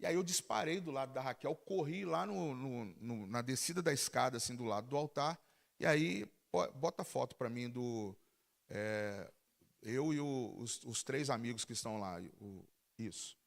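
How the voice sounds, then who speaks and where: A male pastor with a Brazilian Portuguese accent, telling a testimony as a story during a church sermon, with animated, halting restarts. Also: mid-range voice, gravelly. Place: church service.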